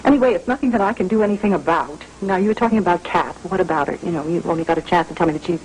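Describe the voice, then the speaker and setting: An actress in a 1980s TV soap playing a worried, loyal wife of a football player who talks in an earnest, chatty way. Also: female voice, fairly low pitch, rapid-fire, darkish tone, natural voice, poor audio. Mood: concerned. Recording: old TV recording with faint hiss.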